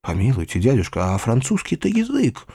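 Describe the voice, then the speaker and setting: An earnest young gentleman, as a male reader voices him, pressing his questions with lively rises and falls. The sound is close and dry. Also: mid-range voice, a little fast, vocal fry, slightly rough, no room sound, exaggerated voice. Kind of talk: audiobook character voice.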